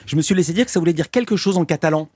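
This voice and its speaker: Male radio host, husky, slightly high, dry studio sound. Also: very fast, a little mellow, dry recording. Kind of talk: radio media show presenting.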